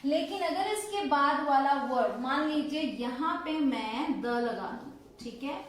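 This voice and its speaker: Brief: woman grammar teacher, high voice, patient step-by-step explaining, strong room echo. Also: animated, measured pace. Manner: explains step by step, quizzing viewers with questions. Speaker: English teacher. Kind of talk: online grammar lesson. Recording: echoey room.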